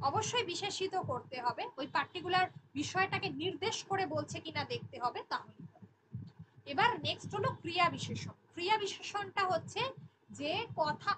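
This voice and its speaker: High-voiced woman teaching grammar. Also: noisy background. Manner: patient explaining with worked examples. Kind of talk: online class lecture.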